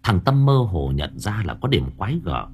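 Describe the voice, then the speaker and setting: A man's voice: normal speed, slight background noise. A man narrating a horror story dramatically. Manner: storytelling, dramatic, with lively pitch. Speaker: audiobook narrator.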